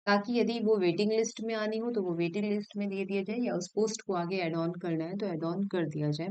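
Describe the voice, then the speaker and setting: A woman in her thirties, an assistant professor, talking straight to her viewers in an advice vlog, earnestly and directly, often pausing to rethink a phrase. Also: mid-range voice, warm tone, clean tone, rough recording. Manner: thinks aloud with frequent hesitations and self-corrections.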